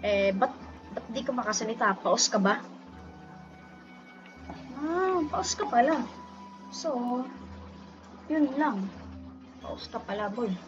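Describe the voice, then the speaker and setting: A woman's voice: on the high side, expressive, takes it slowly, pauses often. Playful woman gamer over background music. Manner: playful, teasing, talks to fellow players. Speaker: gameplay video host. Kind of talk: casual game commentary. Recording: dull lo-fi sound with music behind.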